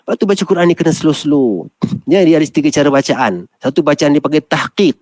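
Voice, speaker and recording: A man with a Malaysian Malay accent teaching Quran recitation in a class, explaining patiently step by step and chanting verses slowly. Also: a little high, a little mellow, dry recording.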